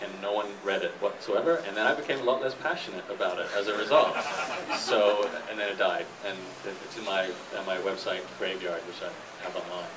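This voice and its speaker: Picked up from a distant mic, a man with a lowish voice speaks as a guest in a noisy live room. He is an internet entrepreneur and blogger, explaining things informally and taking questions from the audience.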